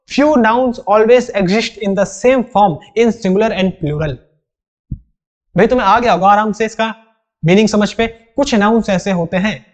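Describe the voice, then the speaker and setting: A young man teaching an online grammar lesson, explaining rules step by step, asking and answering his own questions, and reading example sentences slowly. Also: high-pitched.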